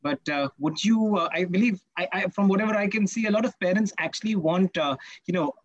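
A man's voice: high-pitched, fairly quick, no room sound, muffled recording. A man with an Indian English accent moderating an online panel in a wordy, formal and deferential way.

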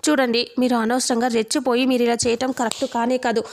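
A woman's voice: on the high side, level tone, quick pace, lightly acted. A woman voicing an angry young woman who fears for her sister, in a retold serial scene. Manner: sharp, accusing tone.

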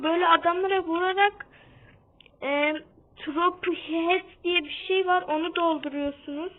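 A young-sounding woman giving casual gameplay commentary for her channel, half-shouting and keeping up a running chat with her viewers. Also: very high-pitched. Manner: talks a bit loudly on purpose, keeps calling out to viewers. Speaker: gaming channel host. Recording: tinny phone-like sound.

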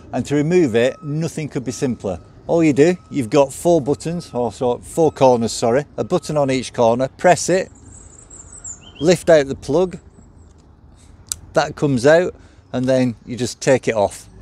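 Mellow-voiced man demonstrating outdoors. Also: medium pitch. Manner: practical, step-by-step explaining while handling the cart. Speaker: product reviewer. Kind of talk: hands-on product demonstration. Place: outdoors on a gravel yard by a stone house.

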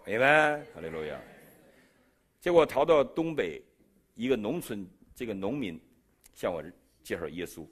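A middle-aged man from China with a Beijing accent, telling his testimony in a sermon and acting out the dialogue. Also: slightly rough. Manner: animated storyteller who jumps in pitch and loudness, acting out dialogue. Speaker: preacher giving a testimony.

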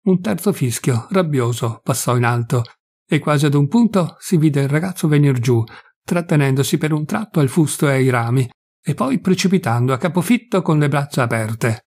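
A man reading a classic novel aloud in a measured, deliberate and solemn way. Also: fairly high pitch, animated, darkish tone. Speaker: audiobook reader. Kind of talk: scripted narration of a classic novel.

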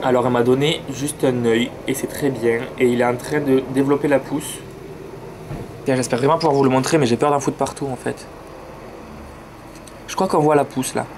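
Standing outside by a road where cars and planes pass, a man with a southern French accent casually and eagerly talks about his plants for his vlog, adding slangy asides. His voice is mid-range and darkish, with a little hiss or hum in the audio.

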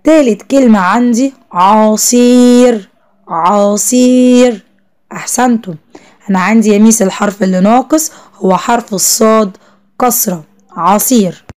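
A young woman with an Egyptian Arabic accent teaching a first-grade Arabic lesson, praising the children and drawing out each word slowly as she spells it. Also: medium pitch, darkish tone. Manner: drawn-out slow spelling of words, encouraging praise to children.

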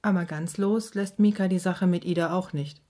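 A woman narrating a children's story in a gentle, even manner. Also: on the low side, normal speed.

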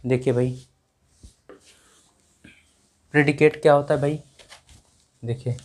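Slow young man teaching at a whiteboard. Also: mid-range voice, fairly even intonation, a little mellow, a little hiss or hum. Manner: slow and repetitive, dictating words while writing; addresses students as dear children. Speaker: English grammar teacher. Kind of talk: whiteboard lesson in Hindi. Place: small classroom at a whiteboard.

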